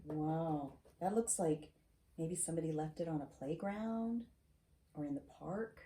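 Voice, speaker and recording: A middle-aged woman with a deep, mellow voice reads a children's picture book aloud to her grandchild at a measured pace, adding chatty asides. She is encouraging, asking questions and checking understanding with "right?". She sits in a wood-shelved home study, and the recording has a roomy echo, faint noise and clicks.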